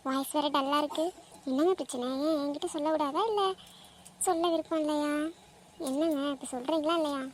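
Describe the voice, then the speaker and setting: A woman performs a young girlfriend in a cartoon drama. Her high voice stays low in volume but insistent and pressing, with a faint hiss in the background. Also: steady tone, brisk, lightly acted. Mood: worried. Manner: insistent, pressing, quiet intensity. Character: young woman, anxious then furious girlfriend. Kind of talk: animated cartoon voice acting.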